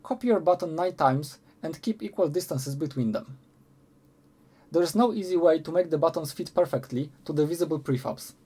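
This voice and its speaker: This tutorial is voiced by a man whose slightly high, very mellow voice has a breathy edge. He speaks in a measured, scripted manner with music playing underneath.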